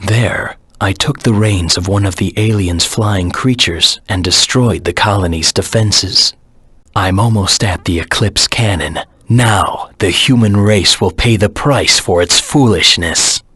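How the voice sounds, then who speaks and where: Shadow the Hedgehog, deep and husky. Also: male voice, unhurried, a bit bright, no echo. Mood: focused, wary, then menacing, determined. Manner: grave, terse, brooding. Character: brooding, vengeful male anthropomorphic hedgehog antihero. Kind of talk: video game voice acting, dramatic monologue.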